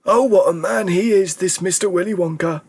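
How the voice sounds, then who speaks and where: A man voicing an eager, excitable grandfather in his nineties, exclaiming with theatrical emphasis. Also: high-pitched, normal speed, pitched above the performer's own voice. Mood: excited. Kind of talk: audiobook character reading.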